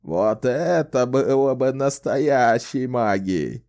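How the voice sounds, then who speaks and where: A man voicing a sly, wry old male wizard who talks in a slow, theatrical, teasing way in an audiobook. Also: medium pitch, expressive, a little mellow. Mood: amused. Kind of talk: audiobook character voice.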